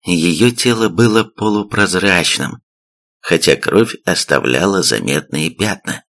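A man reads a scripted story aloud in a low voice. His tone is gravelly and full of fry, and the telling stays steady and even. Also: a little slow. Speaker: audiobook narrator.

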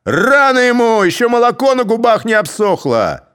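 A man shouting as a roaring drunken Cossack mob. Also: extremely high pitch, sing-song, moderate pace, clear, resonant tone, pitched above the performer's own voice, full character voice. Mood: bellowing. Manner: bellowing, jeering shouts.

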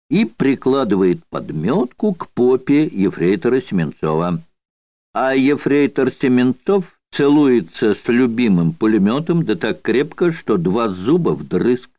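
A male audiobook reader voicing an unhurried, slangy convict storyteller who mocks with coarse barracks slang. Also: lowish voice, very animated, no echo. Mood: mocking. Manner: coarse barracks slang, mocking yarn-spinning. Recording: dull dry studio recording.

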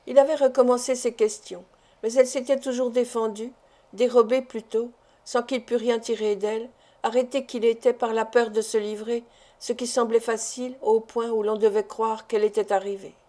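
Woman narrator, classic novel audiobook, measured reading, fairly high mellow voice. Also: little pitch movement. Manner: measured, deliberate literary reading. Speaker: audiobook reader.

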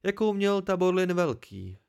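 A boastful old village storyteller, as a man puts him on in a homemade audiobook. The voice rides high and loud, pushing each line out with pride. Pitch climbs above the reader's own. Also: sing-song, vocal fry, clean tone, exaggerated voice.

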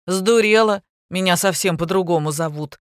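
A woman voicing a coarse, rude middle-aged female hotel clerk who scolds loudly in blunt slang. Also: normal speed, no echo, clean studio sound, lightly acted. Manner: shrill, scolding, coarse colloquial speech.

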